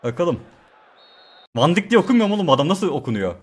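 A man streaming himself playing a football video game, calling the players' names in rapid play-by-play with casual swearing. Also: fairly high pitch, big pitch swings. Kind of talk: live gameplay commentary.

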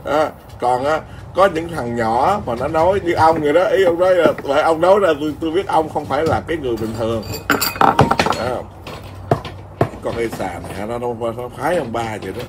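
A Buddhist monk, telling a story in an informal, rambling Dharma talk full of restarts. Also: male voice, a little high, brisk, very noisy. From Vietnam.

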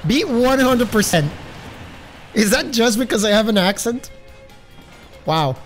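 A man streaming a game, commentating casually with an accent, excitable, gasping and shouting, swearing freely. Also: extremely high pitch, unhurried, faint music behind. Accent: some accent. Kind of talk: live gaming stream commentary.

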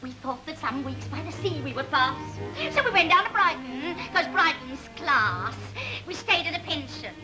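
A woman's voice: high voice, animated, normal speed, rough recording. Woman on an early talkie film soundtrack. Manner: saucy, mock-genteel, half-sung half-spoken with giggles. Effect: early talkie film soundtrack from the 1930s. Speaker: music hall singer. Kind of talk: music hall comic song and patter. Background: music accompaniment.

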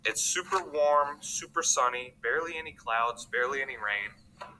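A man chats loosely to his camera in a casual vlog. His voice is very bright and sharp, and he rambles and cracks jokes as he goes, tossing in "bro" often. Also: mid-range voice, normal speed, slight background noise, low-quality recording. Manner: rambling, joking, says "bro" a lot. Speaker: vlogger.

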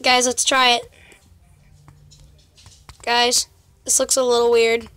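A woman's voice: on the high side, little pitch movement, takes it slowly, fairly bright tone, no room sound. A young woman casually commentating her gameplay for her channel, chatty and constantly calling out to her viewers. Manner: chatty, keeps addressing viewers as guys. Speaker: gaming channel host.

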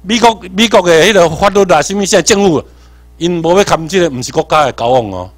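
Taiwanese-accented man, workshop lecturer, slightly high voice, animated, quizzes listeners, loud then muttering. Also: fast. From Tainan, Taiwan. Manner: animated, quizzes the audience, loudness swings from emphatic to muttered. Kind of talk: seminar lecture mixing Hokkien and English terms.

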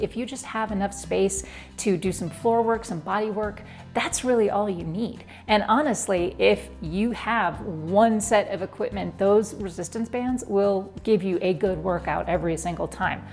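A woman's voice: medium pitch, moderate pace, darkish tone, soft background music. A woman in her forties giving a chatty, upbeat tour of her home gym to camera, on a lapel mic. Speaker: fitness vlogger. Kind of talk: home room tour vlog. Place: basement home gym, indoors.

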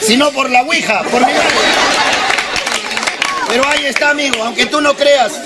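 A loud, brash street comedian jokes crudely at a live audience. A crowd laughs around him outdoors, and steady noise runs under the recording. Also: male voice, very high voice, normal speed. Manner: crude, shouting, teasing the audience.

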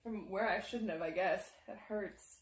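A woman's voice: mid-range voice, a little slow, slight background noise. A young woman guest in a casual chat, nervous and teasing as she watches a spicy food challenge. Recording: roomy home recording.

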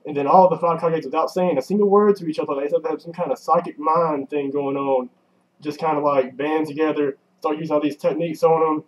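A man's voice: on the high side, fairly even intonation, a little fast, a little hiss or hum. A man co-hosting a casual comic recap, talking in an easygoing, loose way. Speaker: manga reviewer co-host. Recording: dull lo-fi audio.

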